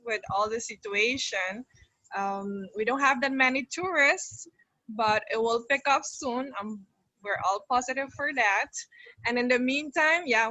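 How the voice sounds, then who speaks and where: Bright-voiced effusive woman. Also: a little high, no echo, rough recording. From born in Maracaibo, Venezuela, raised in Aruba from age eight. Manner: effusive, repeats words for emphasis. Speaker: interview guest. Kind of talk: casual chat on a video call. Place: open-air beach restaurant at a hotel. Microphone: phone on a video call.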